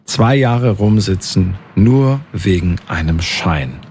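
A man with a fairly low voice hosts a podcast in a relaxed, conversational way. He thinks aloud and often corrects himself mid-sentence. A faint hiss sits under his voice. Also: takes it slowly. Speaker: podcast host. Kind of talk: casual chat about listener poll results.

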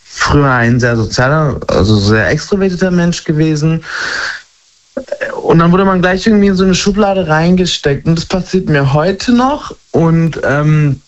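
Halting young man, dull lo-fi sound. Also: on the high side, animated. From Germany. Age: 20s. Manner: halting, searching for words. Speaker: guest. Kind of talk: candid personal conversation.

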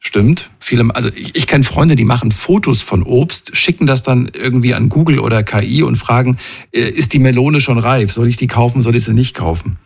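A man's voice: mid-range voice, a little fast, vocal fry, breathy edge. A man hosting a radio phone-in show from the studio, chatting casually with callers and listeners. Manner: chatty, warm-hearted asides.

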